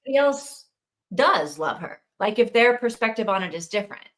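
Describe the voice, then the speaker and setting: A woman's voice: medium pitch, lively intonation, brisk, a bit bright. A woman in a casual book club chat, musing and wondering aloud about the story and her own family.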